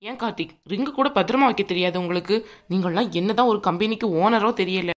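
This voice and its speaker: Woman doing a fast, nagging cartoon bride-to-be. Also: medium pitch, natural voice. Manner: nagging, sarcastic. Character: quarrelsome young bride-to-be, sharp-tongued. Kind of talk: cartoon voice acting.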